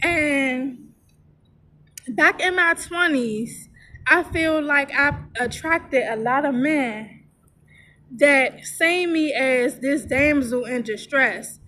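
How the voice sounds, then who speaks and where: A woman in her thirties with a high voice tells a personal story in a candid, chatty way, with plenty of "you know" fillers. She records inside a vehicle, and a steady rumble of noise sits clearly under her voice. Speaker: vlogger.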